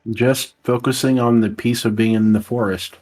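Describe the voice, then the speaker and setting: A man's voice: medium pitch, little pitch movement, normal speed, darkish tone, soft background music. A man playing a tabletop role-playing game, talking casually and describing what his character does.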